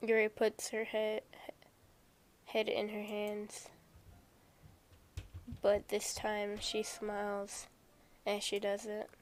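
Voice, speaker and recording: A woman's voice: mid-range voice, completely flat delivery, takes it slowly, pauses often. A woman playing a video game, reading a visual novel aloud and making chatty, joking asides to viewers.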